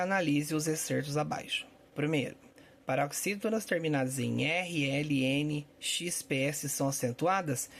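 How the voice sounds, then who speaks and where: A man's voice: fairly high pitch, gravelly. A man teaching a Portuguese grammar lesson for exam prep, explaining step by step and checking in with his students.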